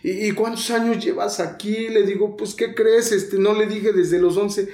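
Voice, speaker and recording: Intense Mexican man, high voice, echoey room. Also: fairly even intonation, measured pace, a little mellow. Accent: Mexico City Spanish. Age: 30s. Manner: intense, slangy, relives scenes aloud. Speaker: guest sharing a recovery testimony. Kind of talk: emotional personal testimony.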